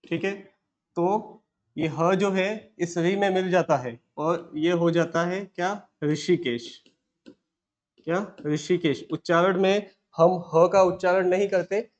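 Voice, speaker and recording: Guy with a high voice teaching hindi grammar, keeps repeating each word slow for notes, kinda dull lo-fi sound. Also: darkish tone. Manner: repetitive, asks and answers himself, slow dictation. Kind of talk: classroom lesson dictating words.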